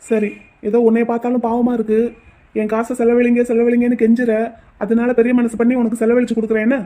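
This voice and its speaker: A woman's voice: a little high, little pitch movement, a little fast, warm tone, lightly acted. A woman voicing a teasing schoolgirl in a cartoon, who talks down and acts generous. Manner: teasing, condescending. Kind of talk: cartoon voice acting.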